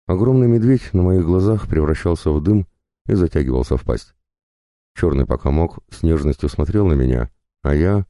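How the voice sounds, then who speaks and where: A man narrating a first-person fantasy audiobook, reading in an expressive, conversational way. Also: very deep voice, dry recording, studio quality.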